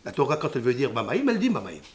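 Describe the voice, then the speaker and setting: A man giving a religious lesson on scripture, sprinkling Hebrew terms into his talk and swinging from hushed murmurs to loud exclamations. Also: medium pitch, huge pitch swings, racing. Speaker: Torah teacher.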